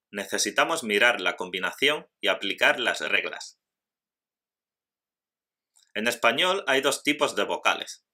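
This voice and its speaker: A man teaching a grammar lesson in scripted narration, slowly and carefully spelling out syllables. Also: fairly low pitch, pushed and bright.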